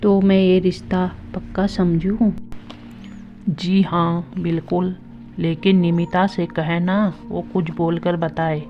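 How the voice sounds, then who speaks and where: A woman's voice: lowish voice, flat delivery, slow pace. A woman doing a scolding mother-in-law. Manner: scolding, mocking. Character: sharp-tongued middle-aged mother-in-law. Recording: dull lo-fi audio with soft music.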